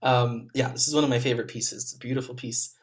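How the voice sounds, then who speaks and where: A man serving as a competition juror, giving gentle, encouraging spoken feedback to young players over a video call, with frequent ums. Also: medium pitch, steady tone, fast.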